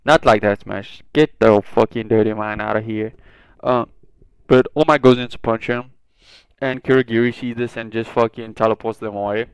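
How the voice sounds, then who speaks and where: A man's voice: on the low side, fairly even intonation, moderate pace, clean tone, no room sound, poor audio. A man casually retelling a fan story, rambling with lots of swearing and fillers.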